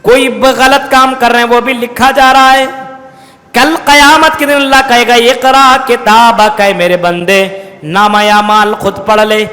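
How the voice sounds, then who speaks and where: A man preaching a Quran commentary in a mosque, reciting Arabic verses slowly, then explaining them and addressing his listeners as brothers. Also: extremely high pitch, pushed and bright, big-room sound. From India. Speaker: Islamic preacher. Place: mosque hall.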